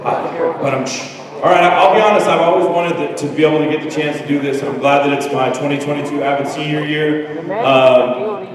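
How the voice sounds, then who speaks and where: A man's voice: fairly high pitch, background noise. A man in his thirties giving a joking, candid graduation speech as a teacher. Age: 30s. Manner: self-deprecating, candid, joking. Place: large hall, from far off. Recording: echoey hall, distant mic.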